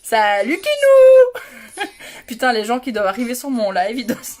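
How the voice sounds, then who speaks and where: A woman's voice: a little high, fast talker. A woman doing a casual makeup livestream from home, chatty and self-mocking, giggling often and greeting viewers by name. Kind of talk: casual live makeup chat.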